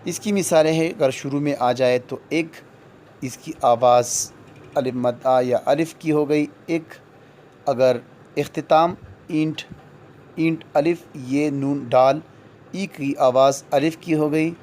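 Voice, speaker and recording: A man teaching a lesson on vowel sounds, speaking slowly and repeating each example word, then spelling it out. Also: a little high, fairly even intonation, a little mellow, a little hiss or hum. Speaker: English teacher.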